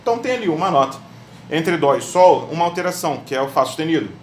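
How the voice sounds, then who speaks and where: A man's voice: fairly high pitch, sing-song, fast talker, recorded from a distance. A man teaching a music theory lesson step by step, often checking in with his students. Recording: echoey room, voice off-mic, faint hum.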